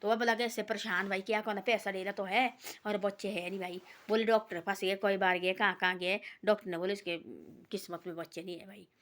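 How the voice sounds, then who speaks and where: A woman's voice: mid-range voice, fairly even intonation, brisk, few pauses, a bit bright. A woman casually telling a devotional folk story, rambling and repeating herself between quoted lines.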